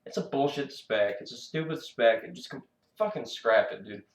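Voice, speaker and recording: A man ranting about a video game, angry and sarcastic, swearing a lot and jumping up in pitch when exasperated. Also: moderate pace, gravelly, poor audio. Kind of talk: profane gaming rant.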